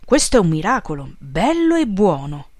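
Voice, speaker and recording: A woman doing a burly village mayor with a short fuse, gruff and exasperated, who often bellows his lines. The voice is low and sounds close and dry. It comes from a storybook reading. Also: very animated, normal speed, a little mellow, no echo. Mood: mock-serious. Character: hot-tempered burly village communist mayor.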